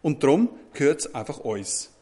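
A man's voice: medium pitch, big pitch swings, moderate pace, mellow. A man voicing haughty schoolgirls who lecture the other children. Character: defiant schoolgirls claiming a jump rope.

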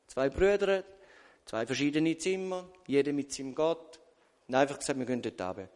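A man's voice: mid-range voice, lively intonation, moderate pace, a little mellow, long reverb tail. A man with a Swiss German accent giving a sermon testimony, telling his story with quoted asides and rhetorical questions. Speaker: preacher.

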